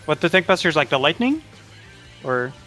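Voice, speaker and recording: A man in casual voice chat about a game raid, talking excitedly and swearing. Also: on the high side, a little fast, faint music behind. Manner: excited, swearing gamer talk. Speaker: healer player in a raid group.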